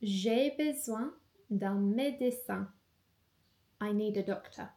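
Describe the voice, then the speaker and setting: A woman teaching a phrase-by-phrase language lesson, saying each phrase twice in a deliberate way before translating it. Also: mid-range voice, mellow.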